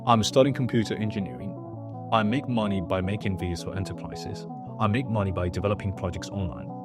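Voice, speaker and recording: Young man, twenties, earnest vlog storytelling, low voice, faint music behind. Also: fast. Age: 20s. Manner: earnest, animated storytelling with acted-out quotes. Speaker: YouTuber.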